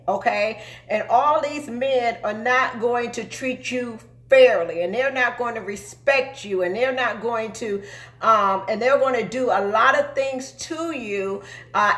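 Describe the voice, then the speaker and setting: A woman's voice: fairly high pitch, roomy sound. A woman in her forties giving an emphatic motivational talk to viewers, often checking in with "okay?". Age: 40s. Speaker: truck driver and recruiter.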